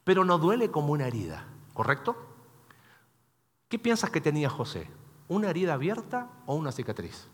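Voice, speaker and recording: Lively pastor in an echoing hall. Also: male voice, a little high, a little fast. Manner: conversational, questioning the congregation. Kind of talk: sermon.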